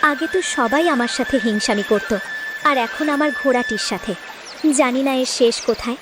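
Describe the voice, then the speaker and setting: A woman voicing a gentle, plaintive, downtrodden young village wife in a cartoon fairy tale. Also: high voice, normal speed, heavy background noise, natural voice. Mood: sorrowful. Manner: plaintive, tender.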